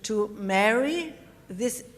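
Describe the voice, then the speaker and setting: A woman on a conference panel answering audience questions in a measured, thoughtful way. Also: on the high side, lively intonation. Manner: measured, thoughtful, some pauses. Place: conference hall. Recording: long hall reverb, faint ambience.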